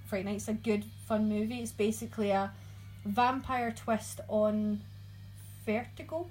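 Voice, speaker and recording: A woman's voice: medium pitch, steady tone, measured pace, darkish tone, faint music behind, rough recording. A woman co-hosting a casual podcast chat, chatty and often searching for her words. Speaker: podcast co-host. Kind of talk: casual chat about horror movies.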